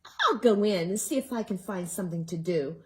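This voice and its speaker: A woman's voice: medium pitch, lively intonation, fairly quick, pitched below the performer's own voice, close to an everyday voice. A woman voicing a fussy, determined little hen in a picture-book read-aloud, with an emphatic, clucking delivery.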